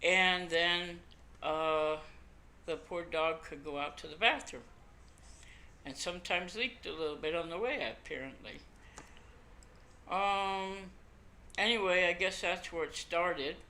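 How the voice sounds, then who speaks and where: An older woman chats casually in a folksy, rambling way. Her speech is toothless, with the lips folding over the gums, and it comes slowly in a bright, forward tone. It is a home recording with some background noise. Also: lowish voice. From Canada. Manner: rambling, folksy, self-deprecating. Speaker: podcast host. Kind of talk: casual chat to camera. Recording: noisy amateur home computer recording.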